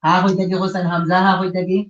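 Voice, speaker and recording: A man with a Sylheti accent teaches Quran recitation in a live online class, patiently drilling sounds and mixing in English. His high-pitched, fairly bright voice keeps a level tone at a quick pace. The video call audio is dull and lo-fi.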